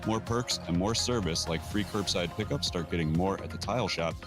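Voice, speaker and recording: A man's voice: low-pitched, brisk, over music. A man reading a radio traffic report as the station's reporter.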